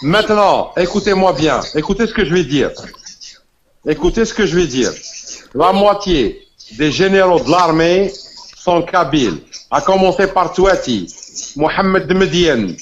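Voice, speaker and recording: A guest in a heated political debate, a man from Constantine with an Algerian accent argues forcefully and insistently, repeating himself. His voice is on the high side, expressive and unhurried, captured in muffled lo-fi audio with faint noise.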